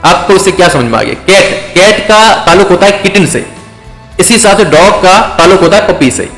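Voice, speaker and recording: A man giving an English vocabulary lecture, explaining slowly with many fillers and check-ins. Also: high-pitched, lively intonation, a bit bright. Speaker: English teacher. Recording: echoey room with faint music.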